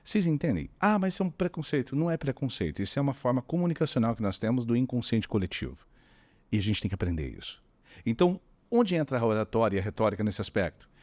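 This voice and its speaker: A man's voice: medium pitch, sing-song, fast, darkish tone, dry recording. A middle-aged Brazilian man, a communication strategist, explaining animatedly and often acting out voices. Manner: demonstrative, often acts out voices.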